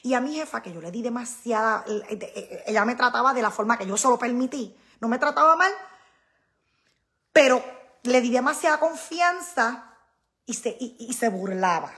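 A woman's voice: fairly high pitch, animated, normal speed, a bit bright. A middle-aged woman, talking casually and emphatically to her viewers, often repeating herself. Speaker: vlogger. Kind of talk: casual live-stream talk to viewers.

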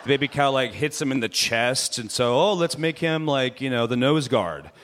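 A man's voice: medium pitch, animated, normal speed, a bit bright, slight background noise. A man who works as a comic reporter, delivering a rambling comedic rant on live radio that is full of "like" and "you know.".

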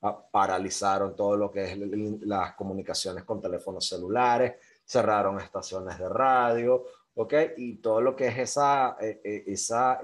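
A man explaining world news in a loose, chatty way, with many fillers and restarts. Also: lowish voice. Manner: loose and conversational, many fillers and self-corrections, frequent "¿ok?". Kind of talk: casual explainer talk.

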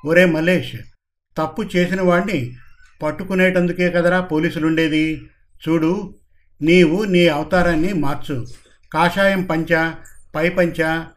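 A man's voice: a little high, natural voice. A man voicing an arrogant rich boss. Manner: commanding, bossy.

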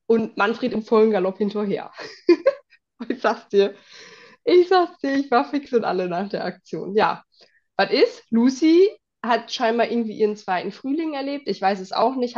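Young woman podcasting w a bit of a cold, chatty and animated, kinda dull lo-fi sound. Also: fairly high pitch. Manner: lively anecdote-telling, frequent fillers and laughs. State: has a cold, clears throat. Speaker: podcast host. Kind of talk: casual storytelling chat.

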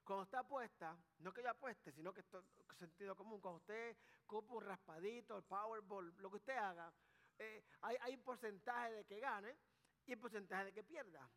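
A man's voice: high voice, moderate pace, a bit bright, long reverb tail. A man preaching a sermon as pastor, mixing folksy sayings with rising emphasis.

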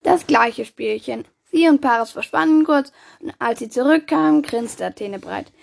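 A woman's voice: a little high, moderate pace, vocal fry. German woman reading a story aloud. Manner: lively, voices the characters' quoted lines. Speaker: reader. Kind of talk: reading a children's book aloud.

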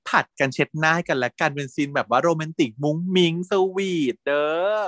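A man casually retelling a drama's scenes in an animated way, with frequent laughs and crude slang. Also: on the high side, brisk, dry recording. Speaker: drama recap host. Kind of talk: casual recap storytelling.

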